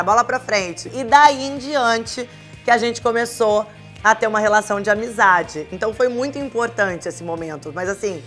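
A chatty woman in her thirties from Brazil, telling stories to camera in a casual, lively way. Her voice sits at an ordinary middle pitch. Soft music plays quietly underneath. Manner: chatty, acts out quoted dialogue. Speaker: vlogger.

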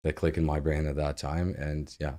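Extremely low in pitch and mellow, the man's voice barely moves in pitch and keeps a moderate pace. A Ukrainian in his thirties who founded an agency, he's an easygoing guest in a casual interview, loosely phrased and quick to laugh. He's in a home living room, recorded through a studio mic on a boom arm.

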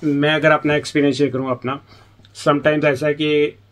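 A man's voice: a little high, flat delivery, normal speed. A man from Pakistan, an international student in the UK, giving chatty advice in a casual vlog and acting out little exchanges as he talks. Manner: chatty, acts out quoted exchanges.

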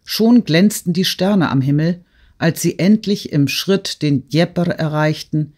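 A man reading a classic novel aloud in steady, measured audiobook narration. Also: on the high side.

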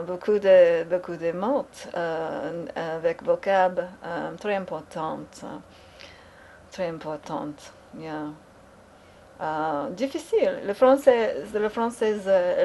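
A woman practicing French in a halting monologue. She hesitates a lot, fills pauses with long sounds and slips into English. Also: on the low side, warm tone, a little hiss or hum. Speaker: French learner. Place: home in Dallas, Texas.

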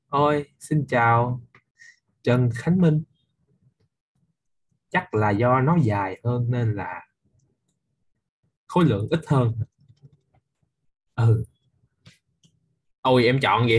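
Casting: young male physics teacher, husky, teasing, quizzes the class. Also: medium pitch. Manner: lively, quizzing students by name, teasing. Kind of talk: live online class quiz review.

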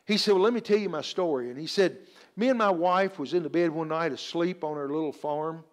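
A preacher delivers his sermon in an earnest, storytelling manner. He weaves scripture and personal stories together. His voice sits a little high for a man. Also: a little fast.

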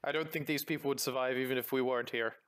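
A man's voice: medium pitch, fairly even intonation, fast, a bit bright, clean tone. A man hosting a casual game video, playfully talking like a pirate captain. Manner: playful mock pirate talk. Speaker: let's play host. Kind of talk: casual gameplay chat in pirate role-play.

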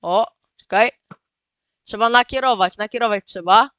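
A man giving casual, excitable gameplay commentary as the host of his own channel, often repeating words and calling out to his viewers. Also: high-pitched, normal speed, clean tone, no echo, dull audio. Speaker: gaming video host.

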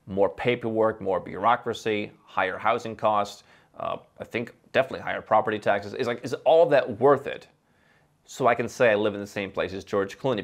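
An animated, opinionated man from Ohio in his thirties hosts talking-head commentary straight to the camera. He has a fairly low voice and gestures with his hands while firing off rhetorical questions. The sound is close and clean on a studio mic, in a dim, book-lined library set.

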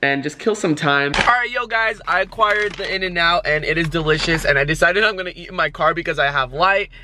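A man's voice: a little high, a little fast, pushed and bright, a little hiss or hum. A man in his twenties chatting casually and nervously to a handheld camera, slangy and half talking to himself. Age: 20s. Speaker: vlogger. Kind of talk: casual vlog chat to camera. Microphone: handheld camera at arm's length.

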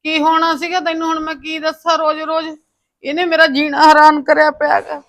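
A woman's voice: sits high, completely flat delivery, a little fast, fairly bright tone. A woman playing a fed-up scolding Punjabi wife. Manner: scolding, nagging, bitter. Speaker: wife and mother.

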